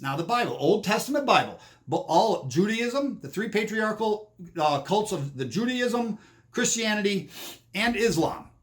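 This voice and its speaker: Brief: man, slightly high voice, rambling monologue commentary, frequent restarts. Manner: rambling, repeats words and restarts.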